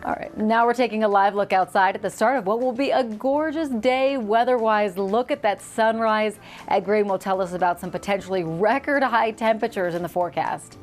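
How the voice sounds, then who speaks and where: A woman's voice: mid-range voice, a little fast, soft background music. A woman co-hosting a morning news show, upbeat and bubbly in casual studio chat.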